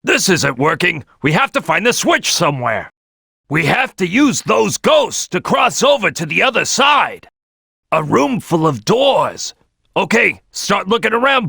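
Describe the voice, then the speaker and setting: A brash cartoon crocodile boss for a video game. The voice is gritty and raspy, pitched high and swinging widely as he barks at his crew with bossy, eager gusto. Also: dry recording, studio quality, full character voice. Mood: puzzling, searching. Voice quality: gravelly, raspy, forceful. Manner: loud, bossy, exclamatory, barking orders to his crew. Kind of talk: animated video game voice acting.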